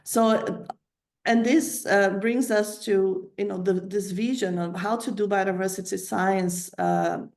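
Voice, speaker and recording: A woman from Brazil giving a prepared talk to colleagues, measured and hesitant, with frequent fillers and self-corrections. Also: medium pitch, steady tone, vocal fry, a little mellow. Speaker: candidate presenting a funding plan.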